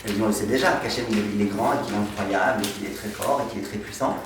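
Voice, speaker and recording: A man teaching a lively, humorous class as a rabbi, asking the students questions and answering them himself as he tells anecdotes. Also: lowish voice, very fast, background noise. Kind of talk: lively Torah lesson with humor. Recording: echoey room, mic far off.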